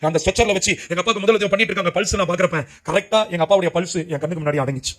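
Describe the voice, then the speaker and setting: A preacher from Puducherry, India, gives a heartfelt testimony sermon in a high-set voice, speaking rapid-fire. Full of urgency and emotion, he pleads and cries out to the young people listening.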